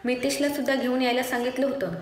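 A woman voicing a senior male police commissioner who speaks in a measured, puzzled way, in an echoey room with faint noise. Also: high voice, flat delivery, natural voice.

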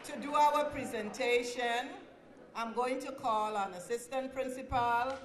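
A woman speaking as a school official at a ceremony, in a measured, formal emceeing manner. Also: a little high. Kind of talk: ceremony remarks. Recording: echoey hall with crowd and noise.

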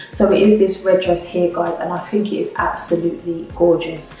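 A woman's voice: on the low side, a little mellow. A woman, reviewing clothes in a chatty, upbeat way and often calling her viewers "guys", recorded at home. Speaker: fashion vlogger. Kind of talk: try-on haul review. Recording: roomy echo, mic at a distance.

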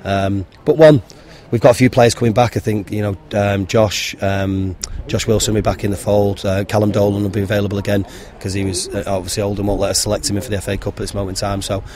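Man in his thirties, football manager, low even delivery, frank post-match talk into a handheld mic outdoors. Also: fast, few pauses. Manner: frank, plain-spoken, many ums and restarts. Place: outdoors beside a football pitch. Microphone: handheld interviewer mic held to him.

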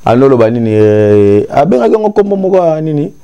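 Animated young man critiquing, mellow voice. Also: a little high, a little fast, vocal fry, smooth, muffled recording. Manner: animated, gesturing, mixing Lingala and French. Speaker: commentator. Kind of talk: studio talk-show critique. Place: TV studio with grey sofa.

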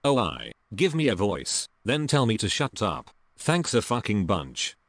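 Posh English sidekick, sarcastic and put-upon, low and lively, as a man puts him on. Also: unhurried, exaggerated voice. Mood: grumbling. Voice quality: sarcastic, dry complaints.

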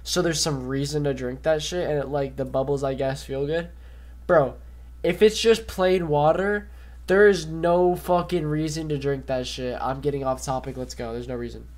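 A man's voice: a little high, fairly even intonation, normal speed, darkish tone. A man reacting to a video for his stream, talking in loose slang and swearing as he speaks to his chat. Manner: slangy, profane, talks straight to chat. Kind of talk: casual reaction commentary.

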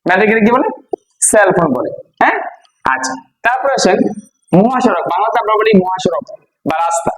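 A man's voice: sits high, lively intonation, fairly quick, pauses often, a little hiss or hum, rough recording. A man from Bangladesh teaching a vocabulary lesson, repeating each word and quizzing his listeners with questions. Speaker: English teacher. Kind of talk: classroom-style vocabulary lesson.

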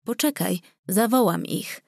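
A woman reading the lines of a gentle, shy young village man in a storybook, speaking softly and coaxingly. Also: mid-range voice, animated, unhurried, creaky, dry recording, clean studio sound. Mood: tender.

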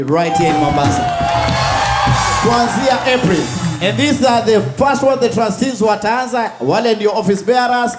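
A man hosting a live comedy show, hyping the crowd loudly in a mix of languages. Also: high voice. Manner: loud, hyping the crowd, mixing Swahili and English. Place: large outdoor concert stage with cheering crowd. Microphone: handheld mic. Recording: live stage mic over music and crowd.

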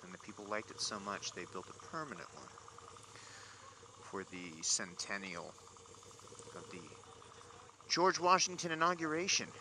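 A man's voice: deep voice, measured pace, pauses often. A man vlogging casually from inside a motorcycle helmet as he rides, with wry, grumbling asides to himself. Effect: voice enclosed inside a motorcycle helmet. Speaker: motovlogger. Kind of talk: casual chat, muttering to himself while riding. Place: riding a motorcycle outdoors on city streets at night. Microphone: small mic inside helmet, recorder. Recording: engine and traffic noise, helmet-mounted mic.

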